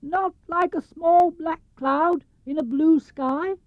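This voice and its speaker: A man voicing an earnest, naive toy bear who plots in slow, deliberate phrases for a storybook reading. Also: very high voice, no echo, pitched above the performer's own voice. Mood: anxious, hopeful. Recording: muffled vintage cassette or LP sound.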